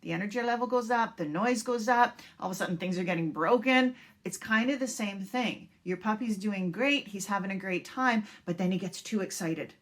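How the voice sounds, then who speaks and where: A woman's voice: medium pitch, moderate pace. A woman dog trainer talking casually to puppy owners, reassuring and repeating her points with filler words. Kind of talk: casual instructional talk.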